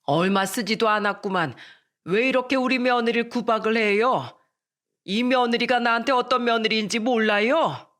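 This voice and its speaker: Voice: mid-range voice, moderate pace, a bit bright, voice pushed up, lightly acted. A storyteller voicing an indulgent older father-in-law who dotes on his daughter-in-law. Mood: doting.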